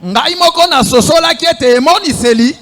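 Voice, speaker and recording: A man with a strikingly high voice serves as a sermon interpreter. He relays the preaching live, in short phrases one after another. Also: moderate pace, a bit bright, in a large hall.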